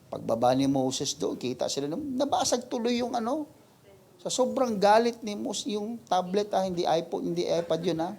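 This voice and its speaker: A male pastor preaching a mid-week Bible study, mixing in English verses and acting out quoted people in sudden high voices. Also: creaky. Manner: animated preaching, voices quoted people, big pitch swings; mixes English verses into Tagalog, halting restarts.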